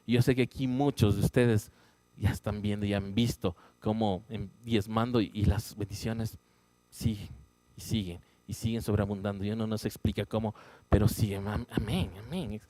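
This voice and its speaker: A man teaching a Bible study in a church, animated and conversational, often checking in with his listeners. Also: lowish voice, normal speed. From Ecuador. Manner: animated, rising emphatic exclamations; conversational, frequent "¿sí?" check-ins. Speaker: pastor.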